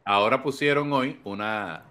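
A Puerto Rican man hosting a podcast, telling stories in animated casual political chat and laughing often. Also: on the low side, normal speed, clean tone. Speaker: podcast host.

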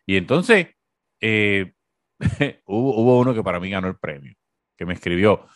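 A man with a Puerto Rican accent hosting a talk show, giving sarcastic, animated political commentary full of fillers. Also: fairly low pitch, moderate pace, dry recording, studio quality.

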